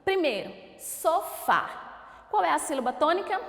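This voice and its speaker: A woman's voice: high-pitched, very animated, a little slow. A woman teacher giving a recorded school lesson, stretching out example words in a sing-song way to show their stress. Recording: echoey room with long reverb.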